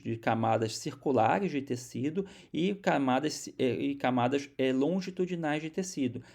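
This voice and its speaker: A man from Brazil gives a recorded university biology lecture, explaining step by step with many restarts and repeated words. His voice is mid-range, creaky, and warm.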